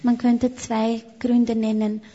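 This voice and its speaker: A woman interpreting a sermon live in a level, steady voice. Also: on the high side, slow. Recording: echoey hall, dull sound.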